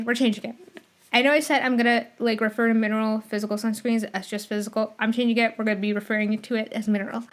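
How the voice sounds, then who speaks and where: Woman rambling through a podcast, slight lisp, kinda high voice, keeps correcting herself. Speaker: podcast host. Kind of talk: casual solo podcast chat.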